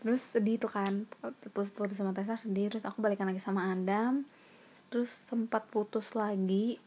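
A woman's voice: mid-range voice, brisk, a little hiss or hum. A young woman in her twenties telling her stories in a casual podcast chat, laughing often and mocking herself. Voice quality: husky, laughs often, animated storytelling. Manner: lively, self-mocking, slangy.

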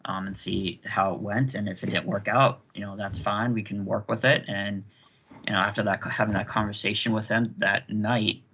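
A young man talking haltingly, with restarts and pauses, in a casual podcast chat. His voice sits a little low and sounds bright and forward. The sound is muffled and lo-fi, as if it comes over an online call. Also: little pitch movement, a little hiss or hum. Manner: hesitant, halting, with many restarts. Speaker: podcast co-host. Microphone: remote call mic. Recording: dull lo-fi call audio.

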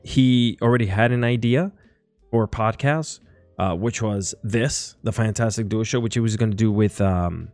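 A man hosts a podcast in an easygoing, rambling manner, his voice sitting a little low. The sound is dry and close, with faint music underneath. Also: normal speed, darkish tone, dry recording. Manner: chatty, rambling, enthusiastic. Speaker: podcast host. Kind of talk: casual interview chat.

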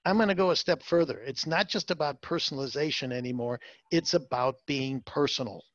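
A man's voice: mid-range voice, fairly quick, no echo, lo-fi sound. A man being interviewed as a salon marketing consultant, talking emphatically with many fillers and repeated words. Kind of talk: interview, advice talk.

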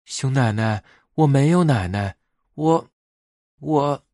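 A man voicing a timid, pitiful little kitten in a bedtime story, halting and tearful. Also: mid-range voice, expressive, darkish tone, dry recording, clean studio sound. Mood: tearful, pleading.

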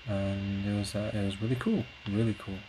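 A native Portuguese speaker, this podcast host and classical singer talks alone in a low, fairly flat voice with little rise and fall. His casual, thoughtful ramble is full of hesitant pauses as he searches for words. Clear, steady noise runs behind him.

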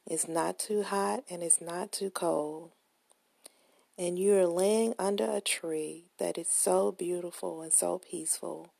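A woman guides a relaxation meditation at a very slow pace, in a lowish, mellow voice. Her delivery is soft, gentle and soothing, with a breathy, husky grain. She sounds close to the microphone in a dry space. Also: fairly even intonation, dry recording. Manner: soothing, gentle, unhurried instruction.

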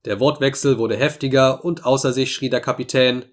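Guy reading an old sea story aloud, calm measured pace, mid pitch. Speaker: audiobook reader. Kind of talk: scripted narration.

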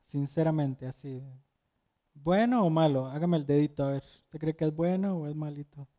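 A young man gives a casual, conversational sermon in a slightly high, mellow voice. He keeps turning to the listeners with questions and slips into personal stories between the verses. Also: moderate pace. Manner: asks the audience questions and tells personal stories. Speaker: preacher.

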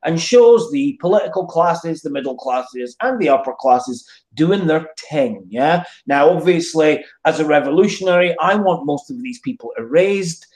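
A man's voice: a little high, animated, normal speed, few pauses, darkish tone. A man with a modern British accent giving opinions in casual discussion, emphatic and often checking in with short tag questions. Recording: roomy, echoey sound.

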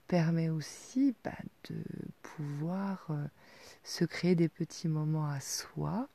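A woman in her forties with a gravelly, warm, mellow voice gives intimate advice. She talks softly and hesitantly, with many fillers, and often sinks to a near-whisper. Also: deep voice. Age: 40s. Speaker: sex educator.

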